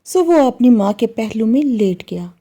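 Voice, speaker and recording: A woman's voice: on the high side, expressive, moderate pace, dark tone. A woman narrating a moral story in an earnest, emotive manner, acting out the dialogue.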